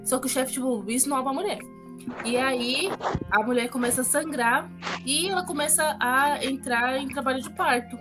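A woman co-host chats through a movie review in a relaxed, rambling way. Her voice sits a little high. A clear music bed plays under her words. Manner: chatty, drawn-out summarizing with fillers. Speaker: podcast co-host. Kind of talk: casual movie review chat.

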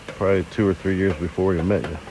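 A man's voice: deep voice, level tone, quick pace, darkish tone, slight background noise, poor audio. A man in his fifties from Arizona, giving plain, short answers in a casual interview at a campground. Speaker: interview guest. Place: campground outdoors.

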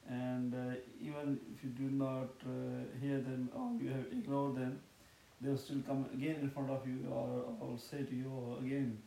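A man talking in a halting way as a podcast guest, repeating words and using unusual grammar. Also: medium pitch, mellow. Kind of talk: casual chat. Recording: echoey room with faint hiss.

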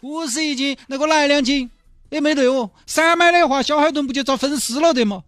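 A man doing a shrill gushing soft-hearted man. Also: a little fast, no echo, clean studio sound. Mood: wheedling. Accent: Sichuanese. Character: excitable soft-hearted man pleading for a dolphin.

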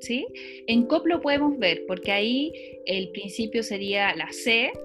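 A woman's voice: a little high, animated, measured pace, over music. A woman teaching a lesson, explaining step by step and quizzing a student with questions. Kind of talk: lecture on phonology.

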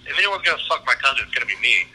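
A man's voice: mid-range voice, big pitch swings, rapid-fire. A man with an Alabama Southern accent chatting casually and jokingly as a guest on a phone call. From Alabama, United States. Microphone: telephone. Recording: noisy, tinny phone call.

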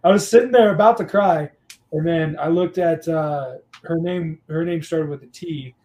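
A young adult man, a guest on a casual podcast, tells teaching stories in an animated way, packed with fillers. His voice sits on the high side at normal speed.

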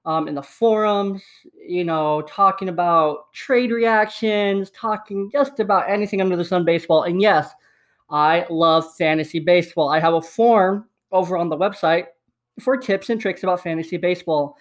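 Speaking at a moderate pace in a voice that sits high, a podcast host in his twenties rambles cheerfully through his casual solo show at home, repeating himself. He has a slight lisp and uses a USB desktop microphone.

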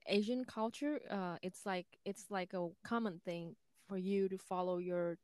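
A woman answers interview questions, pausing often with ums and small restarts. Her voice is smooth and clear, and the recording is dry and close. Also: medium pitch, steady tone, darkish tone, no room sound. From Vietnam. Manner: hesitant, many ums and restarts. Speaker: guest musician.

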